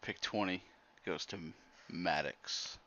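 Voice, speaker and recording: A man's voice: low-pitched, slow, creaky, bright, forceful tone, highs cut off, slight background noise. A man hosting a casual livestream, laid-back and dry as he announces picks. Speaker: host.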